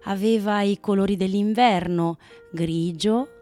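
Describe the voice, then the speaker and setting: Slow, gentle woman reading a storybook. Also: medium pitch, steady tone, faint music behind. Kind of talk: children's storybook narration.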